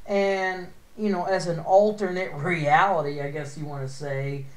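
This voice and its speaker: A man's voice: a little high, fairly even intonation, measured pace, echoey room. A man in his thirties in casual chat, blunt and complaining, with frequent swearing. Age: 30s.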